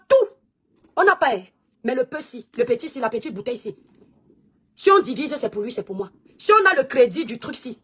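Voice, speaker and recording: A woman's voice: sits high, fairly bright tone. A woman delivering a combative, mocking rant aimed at a rival, taunting her and insisting over and over. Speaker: online personality answering a rival.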